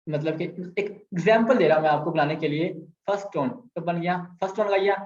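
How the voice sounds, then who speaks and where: A man's voice: a little high, quick pace, darkish tone. A man with a Pakistani Urdu accent teaching a language lesson, patiently repeating sounds and mixing in English. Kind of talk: explaining grammar with screen examples. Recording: echoey, slightly dull sound.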